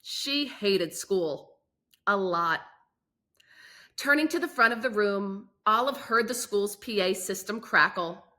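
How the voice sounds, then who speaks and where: Reading a children's book aloud as host, a woman speaks slowly at medium pitch. She tells the story expressively, enunciating clearly and leaning on emphatic phrasing.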